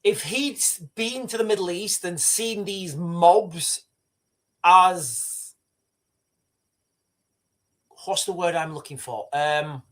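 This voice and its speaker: A middle-aged man hosts a livestream, rambling loosely through stories and casual live commentary while swearing and restarting sentences. His voice is high-pitched and a bit bright, and he speaks at a slow pace.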